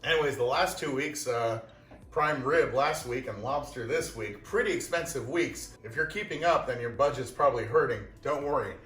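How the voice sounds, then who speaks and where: In his home kitchen, a young cooking vlogger eats while chatting away in a self-deprecating, casual style. He speaks at normal speed with a medium pitch and a bit of brightness; the mic is distant, the kitchen roomy, and music plays in the background.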